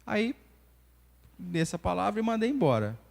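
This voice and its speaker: A man's voice: sits high, moderate pace, creaky. A Brazilian man in his forties teaching a church class as a doctor, telling stories and acting out the dialogue. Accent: Brazilian Portuguese. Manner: animated storytelling, acting out dialogue. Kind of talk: church lesson with personal stories. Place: church hall. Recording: long reverb of a church hall.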